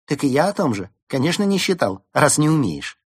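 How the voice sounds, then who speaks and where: A man's voice: mid-range voice, big pitch swings, moderate pace, fairly bright tone, slightly rough, dry recording, studio quality, voice pushed up. A man reading a storybook aloud, voicing a bossy, teasing young female fox. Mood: mocking. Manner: mocking, teasing. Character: bossy quick-tongued young vixen.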